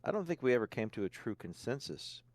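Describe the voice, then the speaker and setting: A man's voice: medium pitch, very animated, fast talker, darkish tone, no echo. A man playing in a tabletop game, casually laying out his group's plan. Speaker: player. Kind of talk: casual chat.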